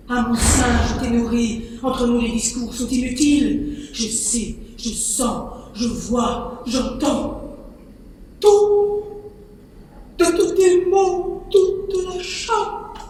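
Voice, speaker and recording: Woman acting an old nurse, fierce and clingy, stage play, high voice, roomy hall mic far off. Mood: insistent. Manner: declaiming, swinging from hushed to shouting. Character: old nurse, devoted and possessive, fervent. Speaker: stage actor. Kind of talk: live theatre performance. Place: theatre stage. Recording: echoey hall from far off, faint noise.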